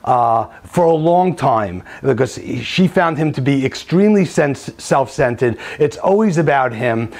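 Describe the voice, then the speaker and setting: A middle-aged male therapist giving a lecture-style talk, halting, with many fillers and restarts. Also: medium pitch, darkish tone.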